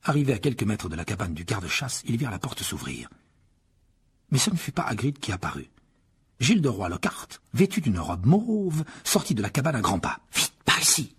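Audiobook narrator, man, husky and expressive. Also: fairly low pitch, fairly quick. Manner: expressive, storytelling. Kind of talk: scripted narration.

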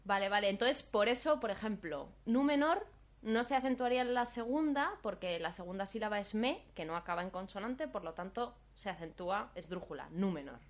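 A woman's voice: mid-range voice, animated, brisk. A woman co-hosting a podcast, reacting with exclamations and recapping the rules in her own words. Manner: reactive, exclaiming, good-humored. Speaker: podcast co-host. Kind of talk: casual podcast chat.

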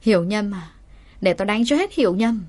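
A woman's voice: medium pitch, animated, normal speed, a little mellow, lightly acted. A woman voicing a furious middle-aged wife who scolds shrilly and threatens. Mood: furious scolding.

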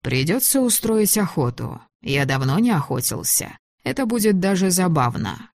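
Female narrator doing a sinister officer, smooth, ironic, commanding, low dry voice. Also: very animated, moderate pace, darkish tone, no room sound. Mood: cold mocking. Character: cold, mocking German officer, man, middle-aged.

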